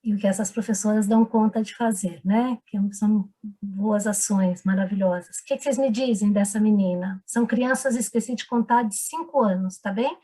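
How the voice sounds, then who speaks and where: A woman's voice: mid-range voice, moderate pace, dark tone. A woman, a teacher trainer leading an online seminar who encourages the group and keeps asking them questions. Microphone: video call microphone.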